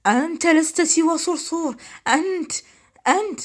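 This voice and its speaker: A woman's voice: on the high side, sing-song, moderate pace. Sly, mocking fisherman from a storybook, read by a woman in her own voice. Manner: sarcastic, teasing. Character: mocking clever male fisherman.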